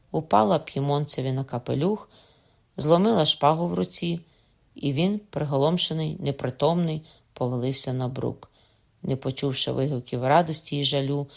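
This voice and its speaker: A woman reads a classic adventure novel aloud as audiobook narration. Her voice is low and steady, and she tells the story in a measured, expressive way. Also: vocal fry. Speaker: audiobook reader.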